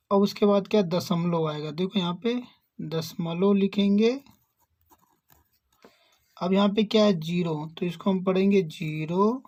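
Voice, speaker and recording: A man's voice: high-pitched, a little mellow. Male tutor, exam-prep maths lesson; asks and answers his own questions, checks in often. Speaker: maths teacher.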